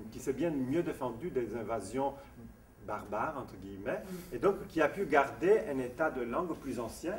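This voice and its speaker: A man from Sardinia giving an academic lecture on diction, explaining step by step and reading out definitions between asides. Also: medium pitch. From Sardinia, Italy. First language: Sardinian and Italian. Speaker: voice and diction teacher. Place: lecture room at a summer school. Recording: echoey room from a distant mic, faint noise.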